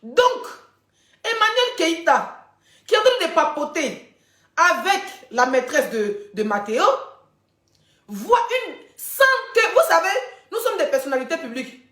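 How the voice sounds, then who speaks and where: A woman, hosting a casual live stream and telling gossip straight to her viewers in a chatty, animated way. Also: high voice, measured pace, reverberant. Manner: chatty, animated storytelling, addressing viewers directly.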